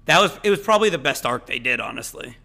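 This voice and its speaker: A man co-hosting a podcast in casual chat, animated and opinionated, swearing freely, his voice cracking today. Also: mid-range voice, quick pace, vocal fry. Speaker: podcast co-host.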